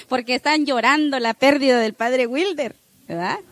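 A woman's voice: high-pitched, slow, no echo. A woman giving a parish catechesis talk, chatty and full of rhetorical questions to her listeners.

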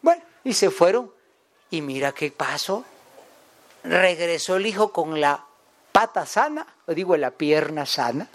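High-voiced Guatemalan preacher telling stories. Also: male voice, lively intonation, measured pace. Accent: Guatemalan Spanish. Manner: chatty, jokes with the congregation, asks them questions. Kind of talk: folksy storytelling sermon.

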